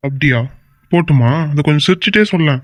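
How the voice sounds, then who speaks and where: A woman voicing an affectionate young husband in a cartoon, who coaxes and gently teases his wife. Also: sits low, fast talker, no echo, lightly acted. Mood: teasing. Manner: coaxing and gently teasing. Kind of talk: amateur cartoon voice acting.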